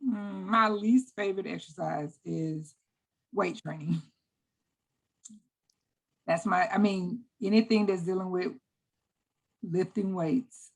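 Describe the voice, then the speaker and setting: A woman's voice: on the low side, slow pace, creaky, pauses often. Talkative middle-aged woman, enthusiastic. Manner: enthusiastic, talkative, repeats words when excited. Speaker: interview guest. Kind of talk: casual interview chat.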